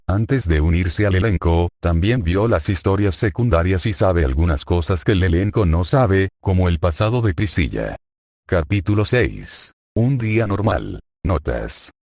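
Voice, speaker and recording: A synthetic male voice narrating a fan-fiction story in an even reading, speaker tags and notes read aloud. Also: deep voice, dry recording, clean studio sound.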